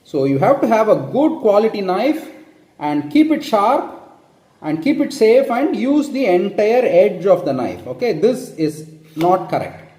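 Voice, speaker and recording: A man's voice: sits high, very animated, a little slow, mellow, roomy sound. Chatty Indian man cooking in kitchen. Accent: Indian English. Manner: chatty, tags lines with "okay?", self-correcting. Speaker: home cook. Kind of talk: casual cooking tutorial. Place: home kitchen.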